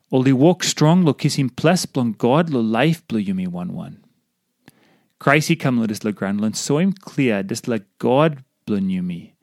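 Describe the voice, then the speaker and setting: A man's voice: mid-range voice, a little mellow, dry recording, studio quality. A man with a Papua New Guinean accent reading a scripted devotional. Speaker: devotional reader.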